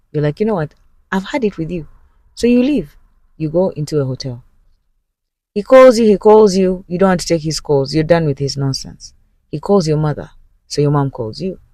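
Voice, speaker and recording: A woman's voice: low voice, warm tone, dry recording, studio quality. A woman hosting a podcast, casually retelling a dramatic story in second person, as if talking straight to the listener. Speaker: podcast host.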